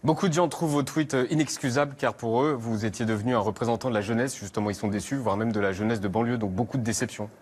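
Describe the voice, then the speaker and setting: A man's voice: medium pitch, fast talker, few pauses, slightly rough. A man interviewing a guest on television, asking short, direct, probing questions.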